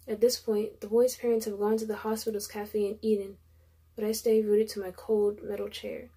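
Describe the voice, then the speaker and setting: A woman's voice: medium pitch, little pitch movement, moderate pace, warm tone, breathy edge. A young woman reading a story aloud in the first person, emotional, with chatty asides between passages. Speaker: reader of a story.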